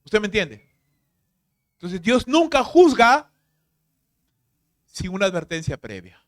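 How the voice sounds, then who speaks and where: High-voiced man preaching emphatically. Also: big pitch swings, takes it slowly. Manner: emphatic preaching with rhetorical questions, swinging between loud and hushed. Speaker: pastor. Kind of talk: sermon.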